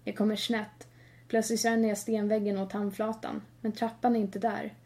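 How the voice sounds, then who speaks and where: Female narrator for a horror audiobook; dark, even tone, tense and hushed. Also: medium pitch. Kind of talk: first-person horror story reading.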